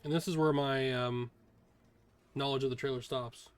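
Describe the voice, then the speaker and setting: A man's voice: medium pitch, fairly even intonation, normal speed, clear, resonant tone. A man giving casual, informal first-impressions commentary as a streamer, talking in a hesitant way. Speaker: video host, streamer reacting to a game trailer.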